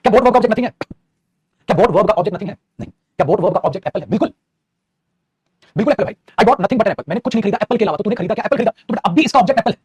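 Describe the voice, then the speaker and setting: Fast, high, husky male grammar teacher, playful, dry close sound. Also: no room sound. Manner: animated, calls students "beta", teasing jokes, acts out student questions. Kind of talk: energetic classroom lecture.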